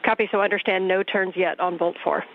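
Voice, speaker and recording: A woman at mission control reading back instructions crisply over a crackly radio link to a spacewalk. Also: medium pitch, steady tone, brisk. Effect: crackly ground-to-space radio link. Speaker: ground controller. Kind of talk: clipped mission radio readbacks. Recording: narrow radio channel with faint static.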